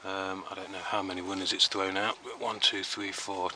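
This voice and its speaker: A chatty man strolls through his backyard vegetable plot, talking in an easygoing, rambling way. His voice sits fairly low, caught on the camera he films with. Steady outdoor noise hums behind him in the open air. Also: normal speed. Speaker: home gardener. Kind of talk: casual garden tour narration.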